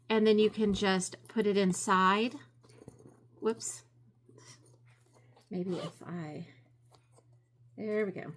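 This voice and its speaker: A woman's voice: medium pitch, a bit bright. Gushing woman in a casual craft vlog. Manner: gushing, appreciative. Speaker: craft vlogger. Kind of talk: casual show-and-tell vlog.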